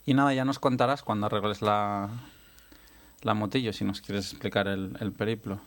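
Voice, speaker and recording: A man's voice: lowish voice, steady tone, moderate pace, creaky. Man leading a casual podcast chat. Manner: conversational, leads the segments. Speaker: podcast host.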